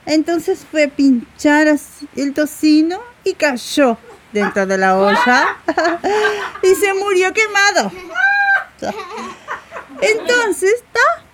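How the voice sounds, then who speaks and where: A woman with a northern Uruguayan border accent telling a folk tale aloud, mixing Spanish and Portuguese words in an animated, repetitive way. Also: very high voice, takes it slowly, long pauses, a little hiss or hum. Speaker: storyteller. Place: rural home.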